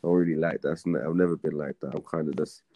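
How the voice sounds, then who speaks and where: A man's voice: extremely low pitch, steady tone, rapid-fire, mellow, no room sound. A man with a London roadman accent chatting casually as a podcast guest, using slangy street talk. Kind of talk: casual chat.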